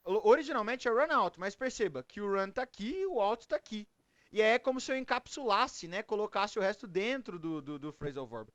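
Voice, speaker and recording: A man's voice: high voice, big pitch swings, a little fast, fairly bright tone, no room sound. A Brazilian man teaching English to a group in Portuguese, often checking in with "ok?" as he explains. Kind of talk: online English class.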